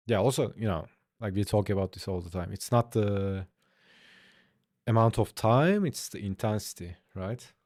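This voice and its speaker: A young man streaming his drawing session, chatting casually and answering viewers in a relaxed, easygoing way. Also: fairly low pitch, normal speed, no room sound, studio quality. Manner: laid-back, chatty, answers chat aloud. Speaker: art streamer. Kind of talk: casual livestream chat while drawing.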